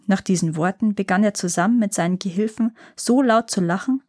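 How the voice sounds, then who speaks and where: A woman storyteller reading a fairy tale aloud in a calm, measured way. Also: medium pitch.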